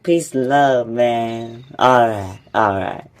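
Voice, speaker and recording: A man voicing a vain, laid-back hippie bird with a low, mellow drawl. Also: takes it slowly, a little hiss or hum, close to an everyday voice.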